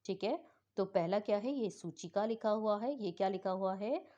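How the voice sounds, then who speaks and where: A woman teacher patiently explaining a school lesson for exam revision, repeating each word slowly. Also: mid-range voice, warm tone, muffled recording.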